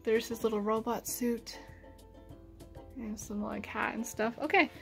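Inside her home, a woman in her thirties from Canada films a house tour on a handheld phone at arm's length, chatting easily and using many fillers like "like". She speaks unhurriedly with a flat delivery in a voice on the high side, a bit bright with vocal fry, and faint music sits behind her.

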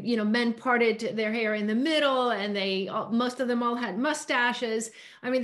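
A middle-aged woman from Greece talks casually through a laptop webcam from her home. Her voice sits a little high, and she rattles off quick bursts packed with fillers. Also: a bit bright. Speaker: director and producer. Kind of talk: casual Zoom Q&A. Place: home room. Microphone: laptop webcam on a video call.

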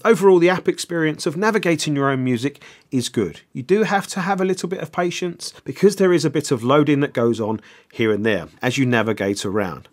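Measured male product reviewer. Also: medium pitch.

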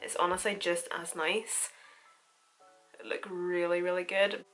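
A beauty vlogger in her 20s chats informally and animatedly, telling stories through a casual makeup tutorial in a small room at home. Her voice is lowish and her pace measured. Faint music plays behind a low-quality recording.

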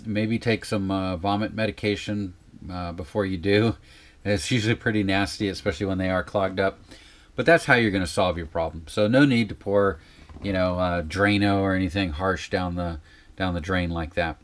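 Low-voiced man chatting inside a small trailer. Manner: hesitant, rambling explanations. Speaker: vlog host giving RV upkeep tips. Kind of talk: casual unscripted how-to talk. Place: small RV interior.

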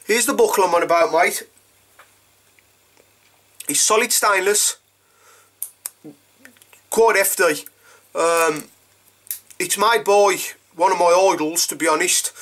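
Chatty man with a higher voice. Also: fairly bright tone. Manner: rambling, chatty and informal. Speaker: leathersmith. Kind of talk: casual video message to a customer. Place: home workshop.

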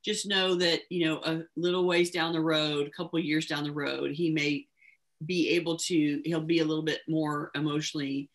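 A woman's voice: sits low, little pitch movement, normal speed. A woman hosting a casual webcast about organizing, chatty and reassuring, laughing easily. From United States. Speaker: host, professional organizer.

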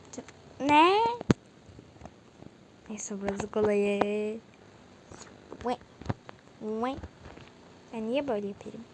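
Young girl commenting on her game, slow and silly, higher voice, some clear noise behind. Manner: playful and self-mocking, sings nonsense sounds. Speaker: gaming video creator. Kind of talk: playing a game on video, with commentary.

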